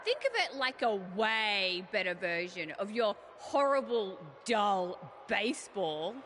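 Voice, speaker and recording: A woman's voice: medium pitch, very animated, slow, a bit bright, slight background noise. A woman voicing an arrogant young wrestler, speaking in a condescending, snide way. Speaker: talk show co-host in a wrestling game.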